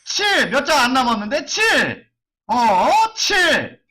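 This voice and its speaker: A man's voice: high voice, very animated, slow pace, sharp tone. A man streaming an online game live, chanting and cursing as he gambles on item upgrades.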